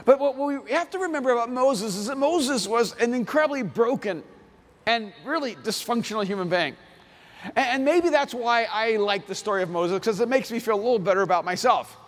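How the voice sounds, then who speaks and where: A Salvadoran man whose first language is Spanish preaches a sermon, first reading scripture and then sharing his own story in an earnest, personal way. His voice is extremely high-pitched, lively in intonation, and brisk, with a big-room sound.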